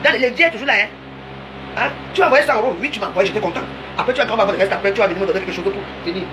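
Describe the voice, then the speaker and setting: A woman in her fifties rattles off a chatty, teasing live-stream rant at a brisk clip, calling out viewers by name. Her voice sits at an ordinary middle pitch. The audio is noisy, with a steady hiss underneath her words. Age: 50s. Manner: chatty, rambling, teasing, addresses viewers directly. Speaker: social media live streamer.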